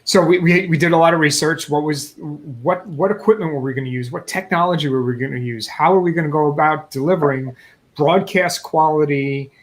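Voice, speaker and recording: A man's voice: a little high, fairly quick. A man in his forties speaking as a guest on a video call, upbeat as he explains how he built his company. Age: 40s. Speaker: guest business founder. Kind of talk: interview storytelling.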